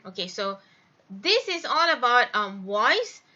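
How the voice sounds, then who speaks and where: Woman lecturer, fairly high bright voice, lo-fi recording, explanatory with "okay" check-ins. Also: sing-song, slow pace. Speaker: teacher.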